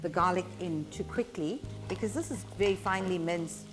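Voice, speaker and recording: A woman talks through a recipe step by step in a fairly low voice. She pauses and hesitates as she instructs. Music plays clearly behind her, along with the sizzle of frying. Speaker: cooking show presenter. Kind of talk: cooking demonstration, explaining steps.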